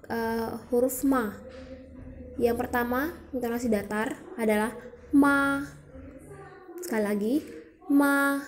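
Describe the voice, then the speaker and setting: High-voiced young woman explaining a lesson. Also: dark tone, slight background noise. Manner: patient step-by-step explaining, demonstrating tones aloud. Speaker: student presenter. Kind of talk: educational explainer.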